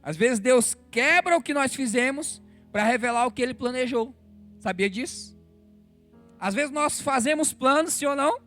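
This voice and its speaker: A Brazilian man preaching a sermon in church, swinging between fervent exhortation and low, intimate confession, with soft instrumental music behind him. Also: lively intonation, moderate pace. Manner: emotional, rises to fervent exhortation then drops low and intimate. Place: church sanctuary.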